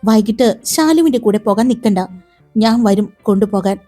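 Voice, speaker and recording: A woman's voice: mid-range voice, animated, moderate pace, mellow, faint music behind, lightly acted. A woman reading the part of a teasing, protective young man in a romance story, playful and commanding.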